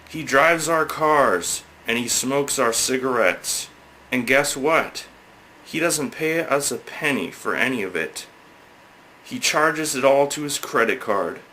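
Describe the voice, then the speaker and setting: A man's voice: mid-range voice, bright, forceful tone, a little hiss or hum, rough recording. A man giving a hammy, theatrical dramatic reading of a scripted satirical essay, leaning on words for emphasis.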